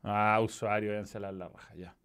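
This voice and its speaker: A man's voice: fairly low pitch, little pitch movement, fairly quick, fairly bright tone, clear, resonant tone. A man with a Chilean accent hosting a football stream in casual chat, loose and swearing freely as he reads out chat messages. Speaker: football show host.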